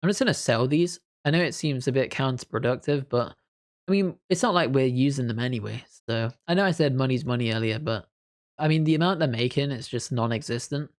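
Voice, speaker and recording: A man talks through a video game in a relaxed, chatty way, thinking aloud over each choice. His reactions stay mild and understated, and he keeps up a steady running commentary. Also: mid-range voice, a little fast. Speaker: gaming video creator. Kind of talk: casual gameplay commentary.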